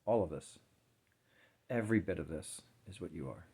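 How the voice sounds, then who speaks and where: A man giving a slow, reflective spiritual talk on meditation, sometimes dropping to a near-whisper. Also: sits low, lively intonation, vocal fry, warm tone, slightly rough. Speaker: spiritual teacher.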